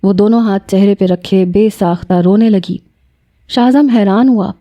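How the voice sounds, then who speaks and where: Woman reading a novel in a mellow voice. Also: mid-range voice. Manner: steady, dramatic storytelling. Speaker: novel narrator. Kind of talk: reading a romance novel aloud.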